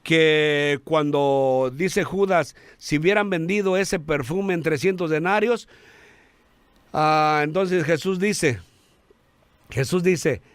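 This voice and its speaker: A man giving an earnest radio sermon, calling listeners brothers, halting now and then with fillers and restarts. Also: a little high, clear, resonant tone, no echo. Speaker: radio preacher.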